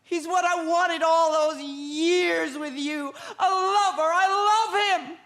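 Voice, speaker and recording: An actress playing a resentful, unfaithful wife on stage, cold and defiant. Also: female voice, high voice, lively intonation, normal speed, a bit bright. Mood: passionate. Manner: cold and defiant, turning tearful. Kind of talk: stage drama performance.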